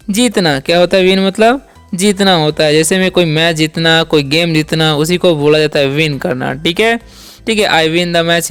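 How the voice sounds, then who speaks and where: A man's voice: high voice, fairly bright tone, clean tone. A man teaching English words as the host of a lesson channel. He speaks patiently, asks questions and answers them himself, and says "theek hai" often. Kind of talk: spoken language lesson.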